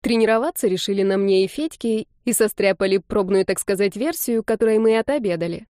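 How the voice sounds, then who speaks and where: A woman reading a first-person novel aloud in a lively, ironic storytelling manner. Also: medium pitch, a little fast, no room sound, clean studio sound. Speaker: audiobook narrator.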